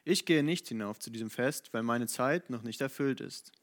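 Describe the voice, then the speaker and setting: A man reading scripture aloud in a steady voice, now and then correcting himself. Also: mid-range voice, moderate pace. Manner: steady, with occasional self-corrections. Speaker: Bible reader.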